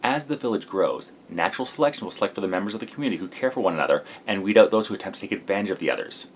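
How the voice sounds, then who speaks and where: A man's voice: deep voice, expressive, very fast, slight background noise. A sleep-deprived man, a vlogger, delivering a scripted explanatory monologue.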